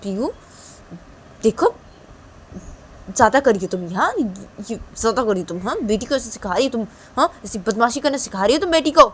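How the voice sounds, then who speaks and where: A woman voicing an indignant young woman who scolds in shrill, rapid questions. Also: lively intonation, a little hiss or hum, natural voice. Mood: scolding.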